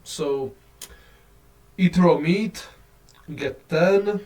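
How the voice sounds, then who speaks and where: A man in a casual, profane, rambling rant to camera, on a low-quality phone recording. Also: extremely slow, darkish tone, far from the mic. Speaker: vlogger.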